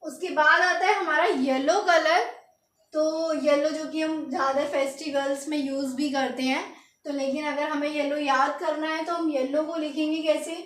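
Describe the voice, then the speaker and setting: In an echoey room, a woman teaches French to beginners by spelling out words one letter at a time and asking the class to repeat. She speaks at a moderate pace in a high voice with fairly even intonation.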